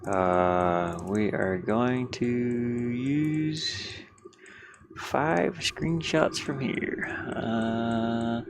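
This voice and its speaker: A game developer talking in a medium-pitched voice speaks extremely slowly as he works on a livestream, chatting casually and thinking aloud inside a van. The background carries hum and clicking from the diesel heater fan.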